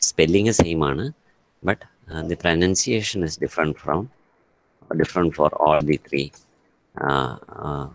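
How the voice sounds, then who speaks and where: A man's voice: very deep voice, steady tone, extremely slow, long pauses, no room sound. A man with a Malayali accent teaching English grammar in an online class, switching between Malayalam and English and calling on students by name.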